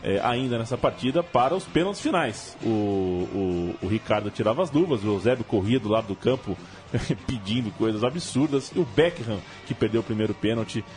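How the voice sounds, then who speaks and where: A man's voice: on the low side, expressive, brisk, darkish tone. Brazilian guy hosting a football chat, telling match stories, bit of music under him. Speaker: football podcast host. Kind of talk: casual football storytelling chat.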